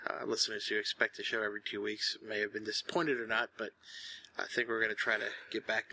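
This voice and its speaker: Bright-voiced rambling male podcast co-host. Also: fairly low pitch. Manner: rambling, full of fillers and self-corrections. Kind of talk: casual chat.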